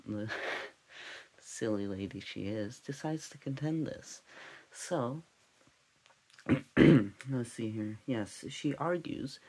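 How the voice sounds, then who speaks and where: Husky rambling man telling a mock crime story. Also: mid-range voice, a little mellow, poor audio. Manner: rambling, scatterbrained, goes off on tangents. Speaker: comedic podcast host. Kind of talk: deadpan parody true-crime storytelling.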